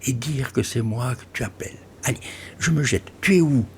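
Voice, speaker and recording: A man voicing a shy, excitable young woman flutist who talks breathlessly and often drops to a whisper in this audiobook. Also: mid-range voice, moderate pace, a little hiss or hum, pitched above the performer's own voice, close to an everyday voice. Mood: starstruck.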